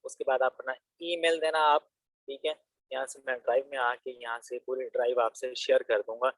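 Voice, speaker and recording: Brisk and a bit bright, the medium-pitched voice of a young Pakistani online business instructor carries a flat delivery. He casually talks viewers through a screen-recorded course tutorial, frequently saying "theek hai." The recording is rough, with no echo.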